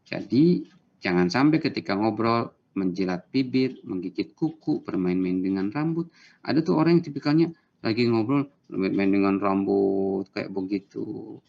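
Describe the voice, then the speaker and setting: Male lecturer, gravelly voice, explanatory, lo-fi recording. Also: fairly low pitch, a little mellow. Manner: explanatory, gives everyday examples, acts out short quotes. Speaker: university lecturer.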